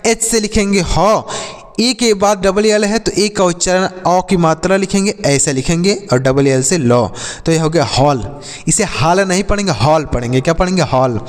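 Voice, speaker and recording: A man with a fairly high voice teaches pronunciation in a classroom style. He spells words out letter by letter, poses a question and answers it himself, and speaks to viewers as dear children. His voice carries a long, hall-like reverb. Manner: slow, spelled-out explanations with call-and-response questions to himself. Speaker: English teacher.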